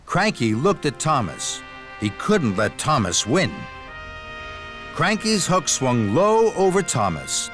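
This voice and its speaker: With music in the background, a man tells a scripted children's story, expressive and deliberate in his delivery. His voice leans high.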